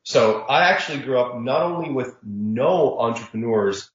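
A man who was born in Saudi Arabia, giving reflective, measured interview answers as a startup founder. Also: mid-range voice, lively intonation. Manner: reflective, measured, sprinkles religious phrases. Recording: roomy, dull lo-fi audio.

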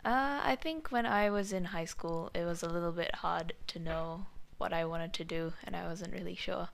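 Young woman guest, lowish clear voice, laid-back interview answers full of "sort of". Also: moderate pace. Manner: relaxed, frequent "sort of" fillers. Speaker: guest, law student. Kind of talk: casual radio interview.

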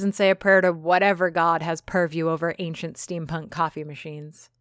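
A woman's voice: fairly low pitch, fairly bright tone, no room sound, studio quality. Wry woman narrating a story. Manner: wry, sarcastic asides. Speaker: audiobook narrator. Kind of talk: first-person scripted narration.

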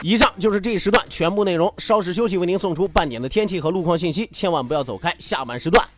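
A man's voice: high voice, quick pace, fairly bright tone. A man hosting a radio show, telling a folk tale for laughs, chuckling and asking tag questions as he goes. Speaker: radio host. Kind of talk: comic folk-tale storytelling.

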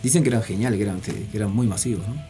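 A man's voice: lowish voice, very fast, warm tone, soft background music. A man, talking as a guest in a casual radio interview, rambling with many fillers and restarts. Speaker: guest musician.

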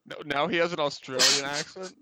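A man's voice: fairly high pitch, a little fast, very noisy. A young man in casual chat with friends, teasing the others and then explaining a gripe at length.

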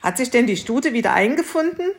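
A woman voicing a timid, excitable farmer man who exclaims breathlessly with joy. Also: on the high side, brisk, pitched above the performer's own voice. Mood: astonished.

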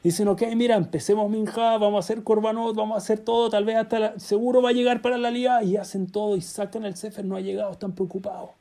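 A man telling a religious story as a sermon, acting out the characters' dialogue in an animated way. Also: high voice, quick pace, hardly any pauses.

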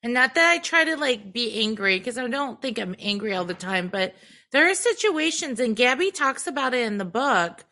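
A woman's voice: a little high, very animated, normal speed, bright, forceful tone. A woman co-hosting a podcast, talking candidly in casual chat, swearing freely and leaning on fillers like "like" and "um". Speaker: podcast co-host.

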